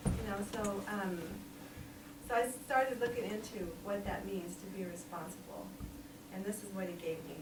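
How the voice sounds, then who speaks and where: Delivering a casual sermon in a small church, a sixty-something lay preacher talks at a normal pace in a mid-range voice with fairly even intonation. She chats, laughs often, and leans on plenty of ums. The sound is noisy and echoey from a far-off mic.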